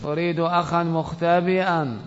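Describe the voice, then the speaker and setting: A man's voice: fairly high pitch, level tone, moderate pace, slight background noise. A man teaching a classroom grammar lesson, quizzing students and calling on them by name. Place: classroom or mosque hall. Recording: lo-fi recording with long hall reverb.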